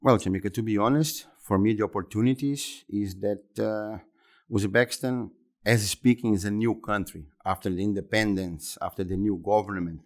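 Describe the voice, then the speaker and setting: An exhibition center executive in his fifties, a Brazilian with a Portuguese accent, answers interview questions in English, which is not his first language. His fairly low voice keeps a steady tone, and he speaks haltingly, repeating words and restarting phrases.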